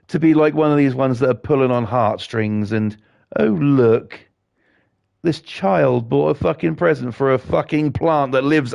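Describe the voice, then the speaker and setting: A middle-aged British man livestreams a game, chatting casually and ranting to viewers with plenty of swearing. His mid-range voice is a little mellow and slightly croaky, with a British English accent.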